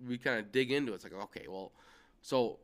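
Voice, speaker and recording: A man's voice: medium pitch, brisk. A man co-hosting casual sports chat, musing and hedging, laughing easily.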